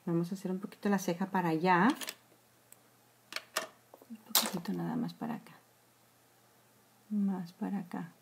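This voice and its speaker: A woman's voice: on the low side, huge pitch swings, moderate pace, vocal fry, long pauses, noisy background. A woman in her forties with a Mexican accent, chatting through a live makeup tutorial from a small room, talking straight to her viewers. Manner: chatty, addresses viewers as girls, trails into whispers while applying makeup. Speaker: makeup vlogger. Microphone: phone or webcam at close range.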